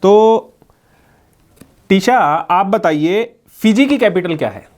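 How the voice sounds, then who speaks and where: He's a male news reporter on a local story, interviewing a family; his voice is high, expressive and darkish, and he takes his time. Marvelling aloud, he quizzes the children and talks to their mother.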